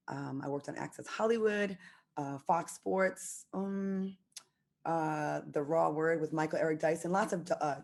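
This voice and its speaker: A woman's voice: sits low, creaky, a little mellow. A middle-aged woman from Rhode Island, a TV host, introducing herself in a brash, self-assured, joking way. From Rhode Island, USA.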